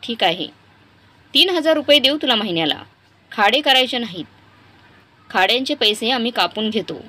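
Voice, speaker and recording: A woman voicing a brisk, commanding middle-aged male shop owner in a spoken story. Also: a little high, expressive, sharp tone.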